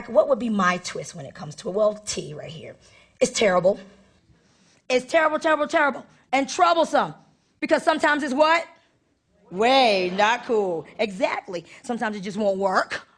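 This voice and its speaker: A woman teacher speaks from a stage in a high voice, throwing questions at the audience and waiting for them to answer. Her delivery is playful and theatrical. The sound is a little distant, as if the mic sits some way from her. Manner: call-and-response questions to the audience. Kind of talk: motivational stage talk. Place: stage at a live talk event.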